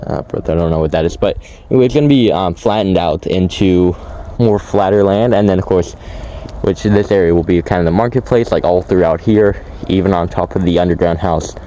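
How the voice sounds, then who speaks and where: Man, low voice, mellow tone, rambling vlog talk, shivering, cracking voice, outdoors, faint background noise. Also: a little fast. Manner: rambling, many fillers and restarts. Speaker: outdoor building vlogger. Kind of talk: casual vlog narration. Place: outdoors by a creek.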